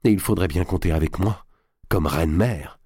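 A man's voice: low-pitched, normal speed, darkish tone, breathy edge, dry recording, clean studio sound. A man voicing a proud, scornful young queen in an audiobook, her lines cutting and defiant, rising to cries. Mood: cold resolve. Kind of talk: audiobook character voice.

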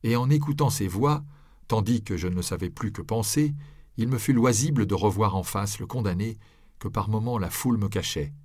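A man with a low voice narrates an audiobook in a measured, even way. The sound is close and dry, with no room around it. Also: dry recording.

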